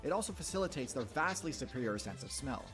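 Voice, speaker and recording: A man's voice: medium pitch, very animated, quick pace, a bit bright. A man delivering scripted narration in the style of a documentary explainer. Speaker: video narrator. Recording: clear music bed behind narration.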